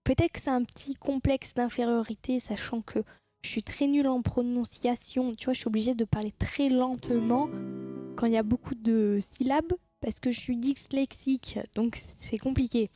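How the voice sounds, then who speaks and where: Woman, streamer, chatty, teasing, high voice, dry sound. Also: fairly even intonation, normal speed, dark tone, dry recording, soft background music. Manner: teasing, chatty, laughs at her own jokes. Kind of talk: casual live-stream chat with viewers.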